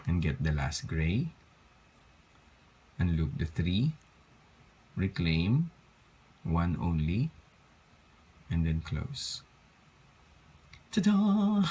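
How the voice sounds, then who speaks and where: A man's voice: low voice, very animated, drawn-out words, pauses often, dark tone, husky. A tired man teaching a bracelet-making tutorial step by step, counting loops aloud and apologizing for his slips. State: tired, yawning. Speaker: craft tutorial host.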